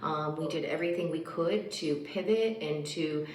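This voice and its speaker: Low-voiced woman, echoey testimonial. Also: moderate pace, a little mellow. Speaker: catering business owner. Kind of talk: informal personal testimonial. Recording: echoey, noisy video played at an event.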